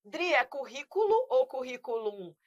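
A Brazilian woman teaching a lively Portuguese grammar class, emphatic and drilling students with repeated examples. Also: sits high, a little slow, dry recording, lo-fi sound.

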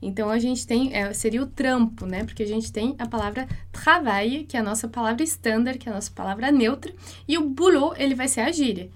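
A woman with a Brazilian Portuguese accent teaching a French pronunciation lesson, explaining in Portuguese and slowing down to model each French phrase. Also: on the high side. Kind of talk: online language lesson.

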